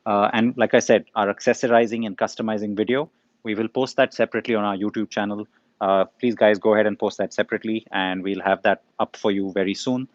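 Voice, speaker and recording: Low-voiced middle-aged man, casual live Q&A host, slightly muffled dry recording. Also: level tone, fast, no room sound. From India. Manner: conversational, frequent ums and uhs, addresses viewers by name. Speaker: editor answering viewer questions.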